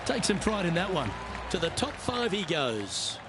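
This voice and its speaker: A man voicing a golf commentator, calling play-by-play in a measured, encouraging way. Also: high-pitched, big pitch swings, full character voice. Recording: music and crowd noise behind. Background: music, crowd.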